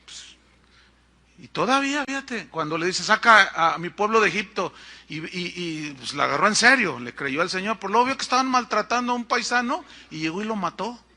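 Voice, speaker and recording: A middle-aged man with a Mexican accent preaching a sermon, telling stories in an animated way and acting out the people in them. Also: high voice, a little fast. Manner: animated storytelling with acted-out quotes. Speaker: pastor.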